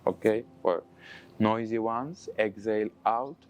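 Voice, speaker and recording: Low-voiced male yoga teacher with non-native English. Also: a little slow, clear, resonant tone. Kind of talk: spoken yoga breathing lesson.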